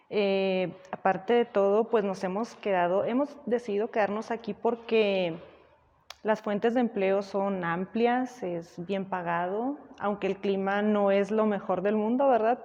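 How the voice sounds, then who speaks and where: A woman from Sinaloa, Mexico, giving a relaxed, conversational personal testimony. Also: medium pitch, in a large hall, muffled recording.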